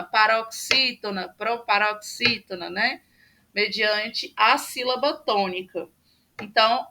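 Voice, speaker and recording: Woman, online teacher, higher voice, unhurried step-by-step explainer. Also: pushed and bright, a little hiss or hum. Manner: patient, explaining step by step with many fillers. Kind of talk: online class lecture. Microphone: computer mic on a video call.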